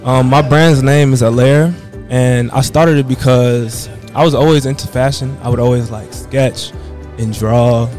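A man's voice: mid-range voice, fairly even intonation, a little slow, few pauses, a little mellow, soft background music. A young man from the Washington DC area, a fashion designer, talking easygoing with lots of "you know". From Washington DC area, United States. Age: young adult. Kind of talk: casual interview answers.

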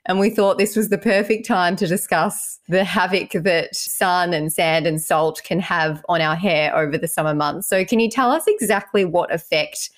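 A woman's voice: fairly low pitch, normal speed, hardly any pauses, no echo, studio quality. An Australian woman co-hosting a casual podcast, reading listener stories aloud in a chatty, giggly way. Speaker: podcast co-host.

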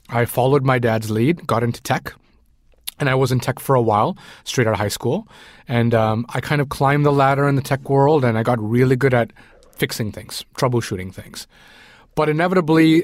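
Recorded in studio quality with no room sound, a forties-aged Sri Lankan food writer speaks in a mid-range voice. It's a casual interview conversation, and he fills it with plenty of ums and uhs.

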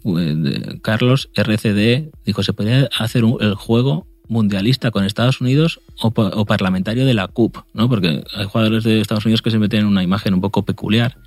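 Man, low voice, casual podcast co-host, self-mocking, laughs a lot, halting, dry close sound. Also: a little mellow, no room sound. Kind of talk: casual chat about football.

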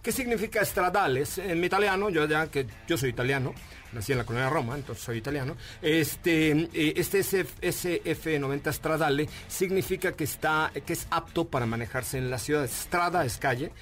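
Hosting a casual radio car show, a man with a Mexican Spanish accent talks enthusiastically, cracking jokes and piling on slang and fillers. His voice is fairly high and a bit bright, at a moderate pace, with faint music behind him.

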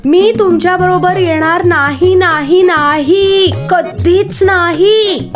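A woman voicing a lively little girl who is bold but easily tearful, speaking high and childlike. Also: a little slow, faint music behind. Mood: defiant.

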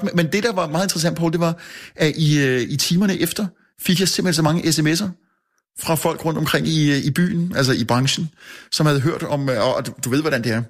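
A man's voice: fairly high pitch, a bit bright. A man who works as a newspaper editor, a guest telling a story in casual chat, full of restarts and fillers and chuckling at himself. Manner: halting, many restarts and fillers.

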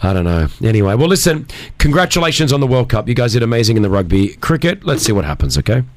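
A man hosting breakfast radio, teasing his guests and bantering in a chatty, animated way on a studio mic. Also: medium pitch, quick pace, no room sound. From Australia. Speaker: radio host.

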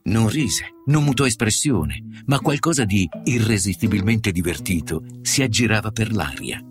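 Man reading a story, wry and ironic, low voice, guitar music underneath. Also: lively intonation, normal speed. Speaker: narrator.

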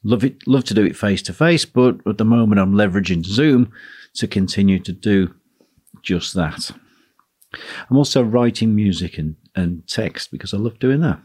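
A man hosting a solo talk on running a teaching business, speaking in a relaxed, musing way. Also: lowish voice, moderate pace, husky. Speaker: podcast host, guitar teacher.

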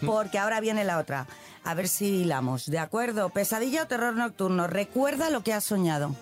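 Woman guest expert, brisk, teacherly, radio studio, faint music behind. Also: mid-range voice, lively intonation. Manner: brisk, teacherly, asks questions to the group. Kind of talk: explanatory quiz on a radio show.

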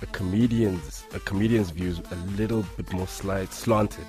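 A man's voice: sits low, moderate pace, faint music behind. A man, a comedian guest chatting casually and playfully in a radio studio. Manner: animated and playful, slips into voices. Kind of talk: casual radio interview chat.

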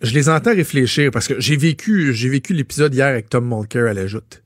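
A man's voice: medium pitch, expressive, fairly quick, dry recording, studio quality. A man with a Quebec French accent, chatting casually as a radio host, joking and rambling with restarts. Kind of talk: casual chat.

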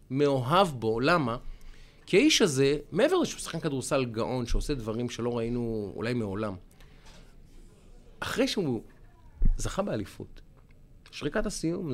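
A man co-hosting a podcast, telling stories in an emphatic, animated way. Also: medium pitch. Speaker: podcast co-host. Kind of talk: casual chat.

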